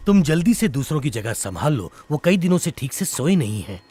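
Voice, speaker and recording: A man voicing a male scientist who gives brisk, commanding orders during a disaster warning in a dubbed film. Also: a little high, big pitch swings, warm tone, slightly rough. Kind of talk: Hindi film dub. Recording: film dub with soundtrack music. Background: music.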